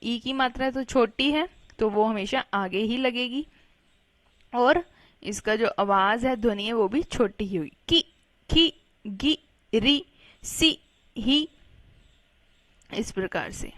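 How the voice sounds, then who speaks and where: A woman teacher with a fairly high voice takes children through a Hindi reading lesson at a very slow pace. She spells each word out sound by sound, patiently and clearly, and her voice sounds dry and close. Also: no room sound. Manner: patient, spells words out syllable by syllable.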